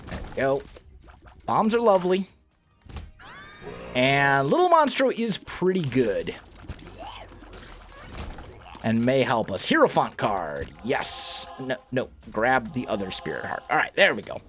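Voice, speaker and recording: Animated man with groggy morning voice. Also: medium pitch, a little slow, soft background music. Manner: chatty, thinking aloud, frequent self-corrections. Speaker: let's play host. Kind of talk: casual gameplay commentary.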